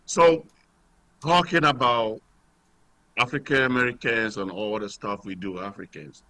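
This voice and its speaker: A man on a radio show putting a question in halting, deliberate phrases. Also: mid-range voice, sharp tone.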